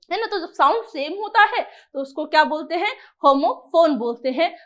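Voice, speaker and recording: A young woman teaching an English exam lesson in a lively coaching style, asking questions and answering them herself. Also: sits high.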